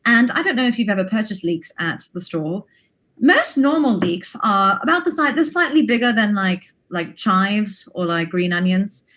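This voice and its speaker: Woman, co-host, middle-range voice, animated storyteller who laughs as she goes. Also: medium pitch, moderate pace. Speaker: podcast co-host, stage actor. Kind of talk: casual storytelling chat.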